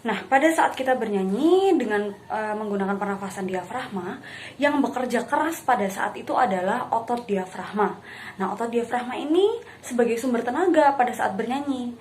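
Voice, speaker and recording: A woman's voice: on the high side, animated, normal speed, a little mellow, a little hiss or hum. A woman music teacher explaining breathing and phrasing to her pupils in a patient classroom manner, with frequent fillers. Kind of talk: classroom lesson with sung examples.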